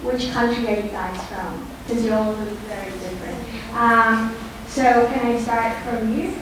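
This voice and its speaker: Young woman hosting a class, hesitant fillers, fairly high voice, very echoey room, distant mic. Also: moderate pace, noisy background. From Thailand. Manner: friendly, hesitant with many fillers. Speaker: host of a cultural class. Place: large lecture room.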